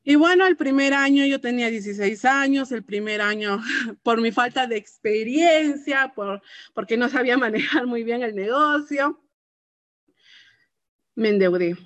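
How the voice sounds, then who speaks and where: Woman sharing her life story, heartfelt, kinda high voice. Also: expressive, unhurried, dry recording. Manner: earnest and heartfelt, tags phrases with "¿no?". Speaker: business entrepreneur giving a testimony. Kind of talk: personal testimony speech.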